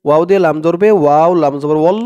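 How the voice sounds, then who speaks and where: Smooth-voiced man teaching Quran recitation. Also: fairly even intonation, darkish tone, lo-fi sound. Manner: chants Arabic verses slowly and higher, explains rules quickly in a lower voice. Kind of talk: Quran reading lesson, slow chanted recitation between quick explanations.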